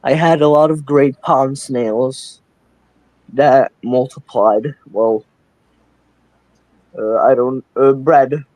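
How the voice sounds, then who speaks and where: A man's voice: medium pitch, steady tone, takes it slowly, long pauses, darkish tone, dry recording, rough recording. A young man from the calls in to a live stream and hesitantly asks questions about his aquarium. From Czech Republic. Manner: hesitant, many fillers and restarts, asks questions. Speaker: caller. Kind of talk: live-stream casual chat.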